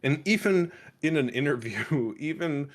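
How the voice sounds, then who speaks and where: A man reviewing a movie in casual chat on a livestream, rambling with lots of restarts and sudden animated outbursts. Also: on the high side, unhurried.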